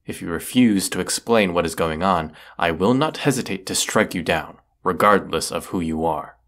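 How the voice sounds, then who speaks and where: A man in a scripted audio roleplay portrays a proud, brooding wizard of the woods, sardonic, haughty and deliberate, who here sounds alarmed and threatening. His voice is low-pitched and expressive with a fairly bright tone.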